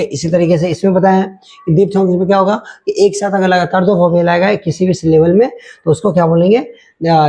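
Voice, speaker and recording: Man teaching grammar, mellow tone. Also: fairly high pitch. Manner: spells words letter by letter, repeats "ठीक है" often. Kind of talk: online grammar lesson.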